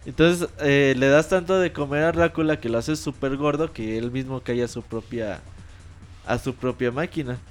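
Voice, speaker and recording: A man's voice: mid-range voice, moderate pace, faint music behind. A man with a Mexican Spanish accent hosting a casual podcast chat, talking in slang and acting out bits of dialogue as he retells game scenes. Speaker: podcast host.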